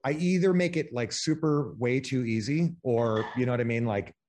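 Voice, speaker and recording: A man's voice: medium pitch, moderate pace, darkish tone. A man co-hosting a podcast in casual chat, joking around and swearing freely. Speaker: podcast co-host.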